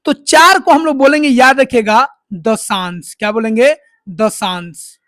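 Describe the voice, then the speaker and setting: A maths teacher explains steps slowly and keeps quizzing the listener with call-and-response questions. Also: high-pitched, fairly bright tone, dry recording, clean studio sound. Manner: slow, step-by-step dictation. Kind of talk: online tutorial explanation.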